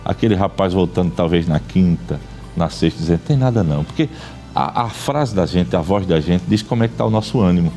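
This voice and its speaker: A man's voice: low-pitched, lively intonation, fairly quick, dark tone, faint music behind. A man with a Pernambuco accent, a guest on a religious talk show who eagerly affirms the host with frequent amens. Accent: Pernambuco, Brazil. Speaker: guest, church brother.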